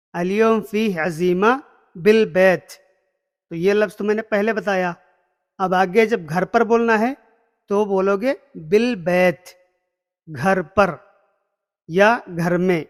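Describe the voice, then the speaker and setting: A man teaching an everyday Arabic vocabulary lesson in a casual spoken style, repeating each word slowly and stressing it. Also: high-pitched. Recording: long hall reverb.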